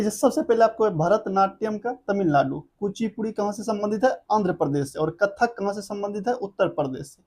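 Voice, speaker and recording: A man's voice: high-pitched, darkish tone. A man, teaching an exam coaching lesson. He drills a memory trick through chanted repetition and keeps checking that the class follows.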